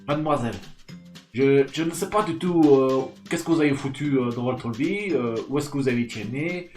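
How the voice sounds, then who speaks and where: A man's voice: medium pitch, moderate pace, a little mellow, reverberant, faint music behind, natural voice. A man voicing a brusque, crude male surgeon in a mock-formal tone during a game. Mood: scornful.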